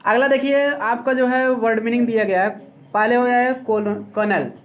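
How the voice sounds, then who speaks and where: A man's voice: very high-pitched, fairly even intonation. Man teaching English grammar. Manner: explains slowly, often asks "clear?". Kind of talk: classroom grammar lesson.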